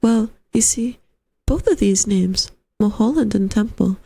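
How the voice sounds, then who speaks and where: A woman's voice: mid-range voice, measured pace, gravelly, dark tone, slightly rough, no room sound. A woman voicing an earnest young male lodger in a story, musing in a hesitant, courteous way. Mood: earnest, puzzled. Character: polite, puzzled, earnest young man, a lodger. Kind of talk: storybook character voice.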